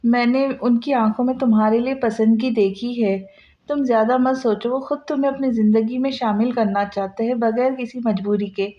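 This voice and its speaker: A female narrator voicing a caring young woman in a soft, reassuring way. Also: fairly high pitch, steady tone, moderate pace, highs cut off, close to an everyday voice. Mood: tender.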